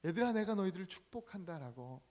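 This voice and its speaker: A man voicing a gentle mother who softly coaxes her son, in a sermon story. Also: high voice, lively intonation, fast. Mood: tender coaxing. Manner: soft, hushed and coaxing.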